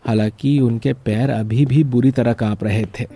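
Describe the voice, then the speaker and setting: A man narrating a cartoon story in a calm, even storytelling manner. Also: mid-range voice, normal speed.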